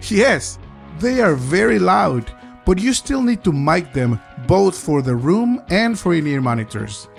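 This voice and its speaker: A live sound engineer narrates a scripted mixing tutorial, upbeat and speaking directly to the viewer. His voice sits high and is gravelly and sing-song, with an unhurried pace and faint music behind him.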